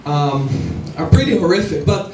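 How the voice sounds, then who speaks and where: Israeli-accented woman doing lively stand-up. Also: on the low side, moderate pace. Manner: laughs at her own lines, wry. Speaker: stand-up comic. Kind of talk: stand-up set. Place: small lounge comedy club. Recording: echoey club, taped from far off with hiss.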